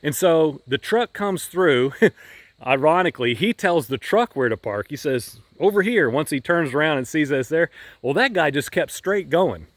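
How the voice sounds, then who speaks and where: Guy talking outside on his pasture, kinda high voice, dry close sound, lots of ums. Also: lively intonation, a little slow, no room sound. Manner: folksy and earnest, with frequent ums and restarts. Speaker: podcast host. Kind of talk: casual outdoor devotional talk. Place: outdoors on a farm pasture.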